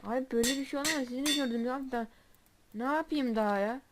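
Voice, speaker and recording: High-voiced frustrated woman gamer. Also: fast. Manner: frustrated, complaining, exclaiming. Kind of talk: live gameplay commentary. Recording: noisy home mic with keyboard clicks. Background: keyboard clicks.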